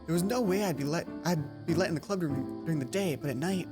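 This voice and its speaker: A let's player reads visual novel narration aloud at a fast clip in a medium-pitched voice. They stumble, go back over lines, and toss in casual asides. Soft game music plays behind them.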